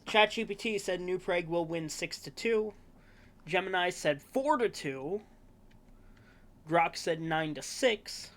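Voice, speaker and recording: A man hosting a casual sports preview podcast, talking in a relaxed, rambling way with fillers and self-corrections. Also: high voice, slow pace. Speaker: podcast host.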